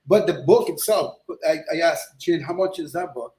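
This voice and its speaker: This middle-aged Ecuadorian man, a guest illustrator, talks at normal speed with a fairly high pitch and darkish tone. His casual interview conversation wanders, with many fillers and restarts, and the room has noticeable echo.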